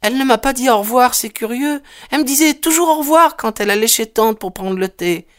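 A woman's voice: a little high, brisk, close to an everyday voice. A woman voicing a small, innocent girl lost in the desert, chattering eagerly and asking question after question in an audiobook. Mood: curious.

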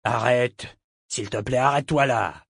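Casting: male narrator as a menacing, jovial pirate captain, unhurried and sarcastic. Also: medium pitch, no room sound, clean studio sound. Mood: mocking. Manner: sarcastic, drawling.

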